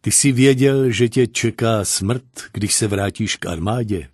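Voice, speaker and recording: A man's voice: on the low side, a little mellow, dry recording, studio quality, lightly acted. A man voicing a young woman general, kind but commanding, who asks firm questions and gives orders.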